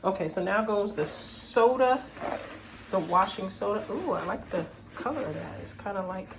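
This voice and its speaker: A woman's voice: medium pitch, animated, normal speed. A woman chatting casually to viewers while making something at home, playful and talkative with frequent asides. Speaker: vlogger. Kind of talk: casual chat while doing a home craft. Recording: audible background noise.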